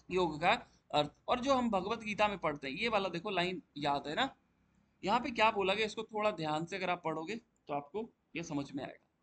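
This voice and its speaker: Bright high-voiced man teaching. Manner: explains step by step, asking and answering his own questions; reads English lines slowly and deliberately. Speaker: yoga exam tutor. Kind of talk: classroom-style lecture.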